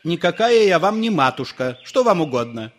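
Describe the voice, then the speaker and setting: A man voicing a sharp-tongued middle-aged wife who scolds loudly and takes a businesslike tone. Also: high-pitched, animated, normal speed, pitched above the performer's own voice. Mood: scolding.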